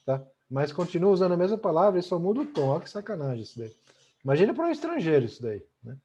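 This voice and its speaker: A man's voice: sits high, sing-song, very fast, mellow, husky. A middle-aged man with a Brazilian accent, teaching a chatty online language lesson and tagging almost every sentence with "né?". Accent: Brazilian Portuguese. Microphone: video call. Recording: muffled video call audio.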